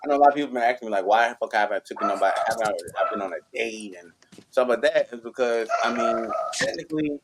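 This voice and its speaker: A podcast co-host with a mid-range voice talks fast, telling rambling, profane stories in casual chat. He acts out both sides of old arguments and frequently says "you know what I'm saying," and the recording is noisy with clicks.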